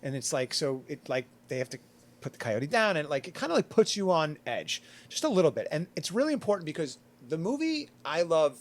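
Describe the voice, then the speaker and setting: With a slightly high voice that swings widely in pitch, a man speaks fairly quickly against a faint hiss or hum. He's a podcast panelist casually rambling through an anecdote, filler-heavy with "like" and acting out each quote.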